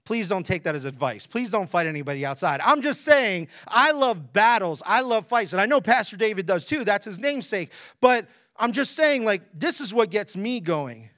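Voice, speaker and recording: A man preaching a lively, conversational sermon, retelling a Bible story with jokey asides. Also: sits high, moderate pace, hardly any pauses.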